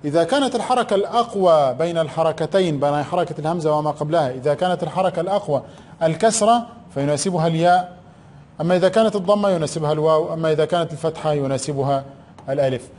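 A male teacher giving a recorded grammar lesson. He asks questions, answers them himself, and stretches out key words slowly. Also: fairly high pitch, a little mellow. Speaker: primary school Arabic teacher.

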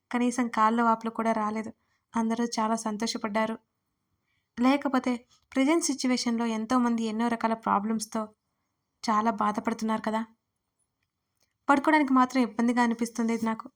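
Playful woman storyteller, slightly high. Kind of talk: first-person audio story narration.

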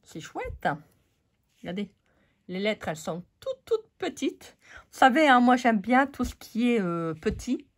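A woman's voice: fairly high pitch, lively intonation, moderate pace. French woman losing her voice, chatty. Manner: chatty, many fillers, talks to viewers. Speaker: craft channel host. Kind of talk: casual craft haul chat.

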